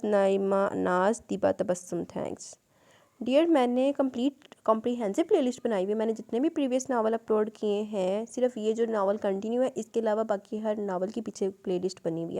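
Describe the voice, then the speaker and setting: A woman's voice: mid-range voice, vocal fry. A woman narrating a romance novel aloud and then chatting casually while reading listener comments. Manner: chatty, relaxed with fillers. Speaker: novel reader and channel host.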